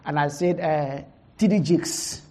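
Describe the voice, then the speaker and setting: A middle-aged Nigerian woman pastor with a heavy accent and a low-sitting voice gives a testimony at a conference. She speaks haltingly with many fillers and laughs at herself, while a crowd can be heard in the background.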